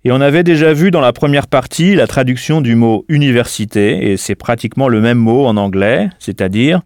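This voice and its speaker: A man leads a scripted audio language lesson at a middle pitch. He explains clearly and patiently and leaves pauses for the listener to answer. The recording is dry and close. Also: a little mellow, dry recording. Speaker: language teacher.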